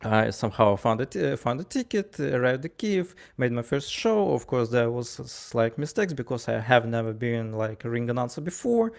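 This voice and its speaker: This wrestling commentator and ring announcer from Ukraine has a gravelly, mid-range voice. Sharing a casual spoken anecdote, he stumbles and stammers over his words but brings the story to life by acting out the dialogue.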